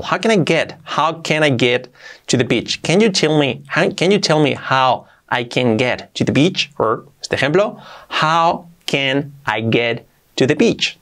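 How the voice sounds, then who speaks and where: Man, video English teacher, drills phrases slowly with animated pitch leaps, rushes the asides. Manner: repeats phrases slowly, lively pitch jumps. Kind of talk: video lesson.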